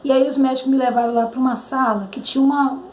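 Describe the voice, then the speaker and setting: A woman's voice: high voice, fairly even intonation, quick pace, darkish tone. A Brazilian woman giving a personal religious testimony, hesitant and searching for words. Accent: Brazilian Portuguese. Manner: hesitant, searching for words, sings hymn lines. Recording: echoey room with faint noise.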